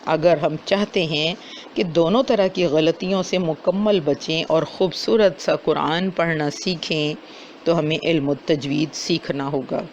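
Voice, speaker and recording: A man giving a lesson on correct recitation, stopping to sound out words slowly as examples. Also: a little high. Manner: slows down to demonstrate correct pronunciation. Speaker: Quran recitation teacher. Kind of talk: explanatory lesson with demonstrated recitation. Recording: dull lo-fi recording with faint noise.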